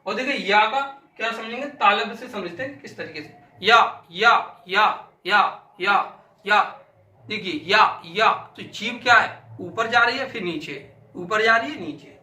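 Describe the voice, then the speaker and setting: A man teaches a lesson in a high, piercingly bright voice. He sounds out syllables over and over and poses questions he then answers himself. He is heard from a distance in an echoey room. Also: lively intonation, normal speed. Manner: demonstrates sounds by repeating syllables aloud; asks and answers his own questions. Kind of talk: classroom lesson.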